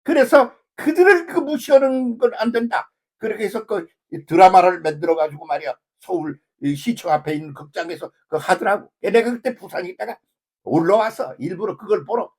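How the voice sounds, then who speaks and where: A man's voice: high-pitched, fairly quick, slightly rough. An older man preaching a folksy, rambling sermon as a pastor, full of rhetorical asides. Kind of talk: conversational sermon.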